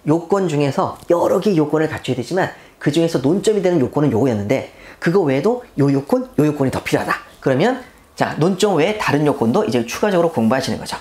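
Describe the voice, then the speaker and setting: A middle-aged woman gives an exam-prep law lecture in a low voice that swings widely in pitch. She keeps asking her students questions and answering them herself, repeating key points for emphasis. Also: big pitch swings, quick pace, a little mellow.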